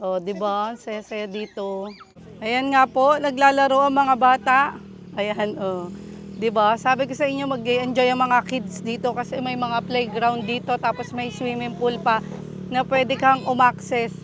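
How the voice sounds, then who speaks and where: A woman's voice: a little high, fairly even intonation, normal speed, background noise. A woman from the Philippines giving an upbeat, chatty vlog tour of an outdoor farm, often laughing, filmed on a handheld phone. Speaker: vlogger.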